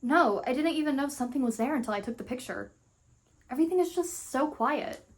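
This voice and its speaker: A woman's voice: sits high, animated, brisk. A woman voicing a frightened teenage girl alone outdoors, speaking in a pleading, anxious way.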